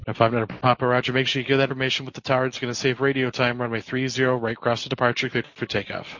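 Fast-talking male air traffic controller. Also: mid-range voice, little pitch movement, a bit bright. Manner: clipped, businesslike. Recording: slightly muffled radio audio.

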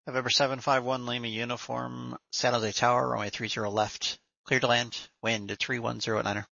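A man's voice: mid-range voice, level tone, fairly quick, creaky, sharp tone, no echo, lo-fi sound. A man working as an air traffic controller, giving procedural instructions over the radio. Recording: dry, band-limited radio audio.

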